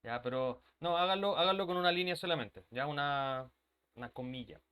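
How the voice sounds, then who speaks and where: A brisk man with a clean, sharp voice on the high side teaches English grammar online. He explains step by step and checks in with students regularly, occasionally drifting off-mic as he moves to the board.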